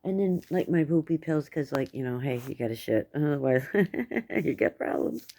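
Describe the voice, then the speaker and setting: A woman's voice: a bass voice, normal speed, warm tone. A middle-aged American woman with toothless speech, giving a rambling, candid personal update in casual, coarse words. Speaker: vlogger.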